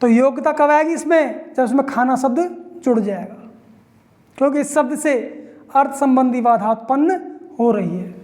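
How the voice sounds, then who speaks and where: High-voiced woman teaching grammar. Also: moderate pace, a little mellow. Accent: Hindi. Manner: explains step by step, asks and answers own questions. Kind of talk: online grammar lesson.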